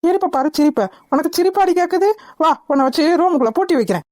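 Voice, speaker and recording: A woman voicing an exasperated, sharp-tongued aunt in a cartoon, scolding and chiding. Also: extremely high pitch, animated, fast, no echo. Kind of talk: cartoon voice acting.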